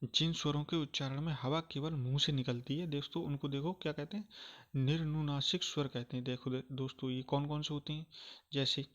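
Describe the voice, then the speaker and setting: A man teaching a grammar lesson, repeating phrases patiently and slowly sounding out each vowel for his listeners. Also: on the high side, steady tone, fairly bright tone, muffled recording. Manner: repetitive, calls listeners "friends", checks understanding often.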